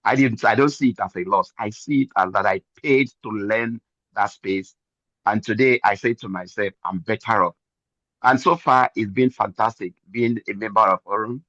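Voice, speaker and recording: A man's voice: on the low side, bright, forceful tone, dry recording, lo-fi sound. An older man giving an earnest, preachy testimony and repeating phrases for emphasis. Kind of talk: motivational testimony.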